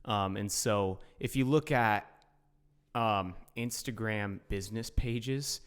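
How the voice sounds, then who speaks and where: A man's voice: on the low side, slow pace, smooth. A young man co-hosting a podcast in casual chat, easygoing and a bit offhand. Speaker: podcast co-host.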